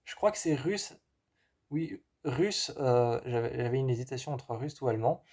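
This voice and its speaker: Hesitant man talking films, mellow voice. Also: medium pitch, lively intonation, normal speed, slightly rough. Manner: hesitant, many fillers and repeats. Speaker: film reviewer. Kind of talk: casual film review monologue.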